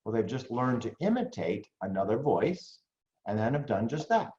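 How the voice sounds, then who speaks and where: An American business coach gives an animated, conversational talk at a moderate pace, his pitch swinging lively as he keeps tossing questions and "right?" tags at his audience. The audio is roomy and somewhat dull, like a lo-fi room recording.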